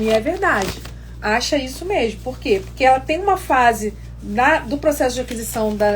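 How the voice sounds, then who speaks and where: A woman's voice: sits high, slight background noise. A woman explaining literacy games step by step in a casual live lesson, often checking in with viewers. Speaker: educator teaching literacy games.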